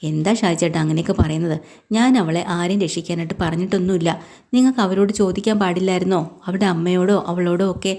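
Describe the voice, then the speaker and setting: Brief: gentle young maid, played by a woman narrator, earnest and pleading, mellow and low-pitched. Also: fast talker, creaky.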